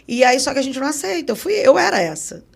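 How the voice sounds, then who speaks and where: Gravelly-voiced woman in her forties. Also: sits high, quick pace. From Brazil. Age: 40s. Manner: animated, acts out remembered dialogue. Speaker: podcast guest, psychoanalysis educator. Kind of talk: casual interview storytelling.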